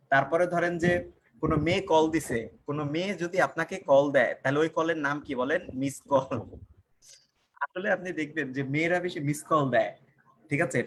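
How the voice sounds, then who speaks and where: Young male online tutor, slightly high voice, quizzes viewers and repeats himself. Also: fairly bright tone, a little hiss or hum. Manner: asks the class questions and answers them himself, repeats key lines. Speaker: online English teacher. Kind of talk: live online class, teaching and joking.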